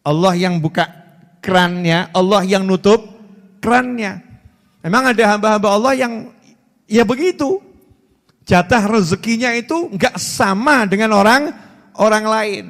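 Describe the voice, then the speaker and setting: A man in his forties preaches in Javanese-tinged Indonesian, his voice sitting high for a man. He is animated and playful, hammering points home through repetition. Long reverb from the hall trails each phrase. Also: measured pace, long pauses. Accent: Javanese-inflected Indonesian. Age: 40s. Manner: animated, repetitive, jokey storytelling. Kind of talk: sermon.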